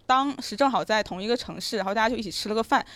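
A young woman telling her own story in a casual chat, animated and restarting her sentences. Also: on the high side, very fast, no room sound. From China. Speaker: guest listener.

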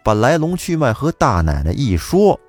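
A man telling a folk tale in a lively, colloquial, dramatic way. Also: medium pitch, normal speed, husky, soft background music. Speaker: storyteller.

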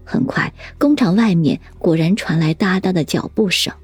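Husky-voiced woman narrating a story. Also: fairly low pitch, no echo, faint music behind. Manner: even, measured storytelling. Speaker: audiobook narrator.

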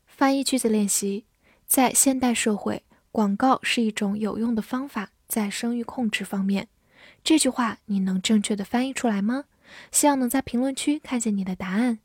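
Woman, native Chinese speaker, English vocabulary lesson, fairly high voice, spells words letter by letter. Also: a little mellow, no room sound, clean studio sound. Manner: spells words letter by letter and reads sentences slowly. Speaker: English teacher.

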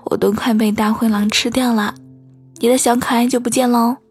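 A woman's voice: on the high side, fairly even intonation, brisk, a little mellow, faint music behind, natural voice. Woman doing a pouty little kitten. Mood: frightened. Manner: pouty, childish insistence. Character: small stubborn kitten, childish and easily scared. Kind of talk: whispered role-play.

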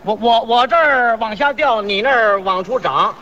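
High bright crosstalk comic. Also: male voice, a little hiss or hum. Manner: quick banter, sing-song hawking calls. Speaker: crosstalk performer. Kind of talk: comic crosstalk dialogue with vendor cries. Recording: dull lo-fi recording.

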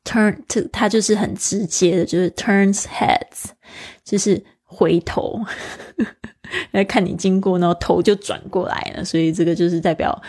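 A woman's voice: on the low side, steady tone, moderate pace, a little mellow, husky. A woman, an English teacher who explains step by step and models English pronunciation. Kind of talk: language lesson.

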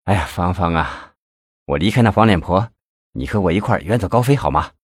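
Man playing a weary middle-aged mayor, low, sighing, complaining, storybook. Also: animated, brisk, husky, no echo, studio quality. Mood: gloomy, sighing. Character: middle-aged male city mayor, gloomy and self-pitying.

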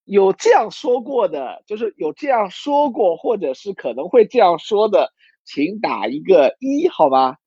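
A man's voice: sits high, sing-song, unhurried, warm tone, breathy edge, dry recording, muffled recording. A man giving a casual livestream lesson on recruiting sales, talking loosely with plenty of fillers and restarts and putting questions to his audience. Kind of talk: livestream teaching talk.

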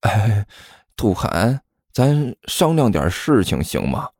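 A man's voice: fairly low pitch, sing-song, slow pace, a little mellow, breathy edge, no echo, full character voice. A man voicing a chubby, cheeky schoolboy who talks in a glib, mock-innocent singsong. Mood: flustered.

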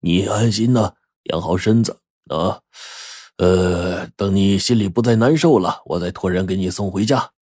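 A man voicing a kindly, gentle old ferryman with a soothing way of speaking. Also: low-pitched, normal speed, slightly rough, no room sound, studio quality.

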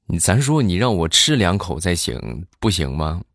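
A man's voice: deep voice, sing-song, vocal fry, over music. A married man telling comic everyday stories in a chatty monologue, stretching his filler sounds and acting out other people's lines. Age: adult, married. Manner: chatty, drawn-out filler particles, acts out voices. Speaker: comedian.

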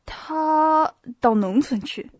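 A woman voicing a bored, aloof young prince who talks in a slow, languid way. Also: sits high, expressive, darkish tone, no echo, clean studio sound, voice pushed up. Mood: weary.

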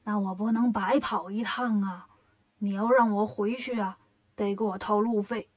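A woman's voice: a little high, brisk, natural voice. A woman voicing a cocky, mischievous monkey king who teases and tricks his companion, in a storybook reading. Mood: sly. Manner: cocky, teasing, sly.

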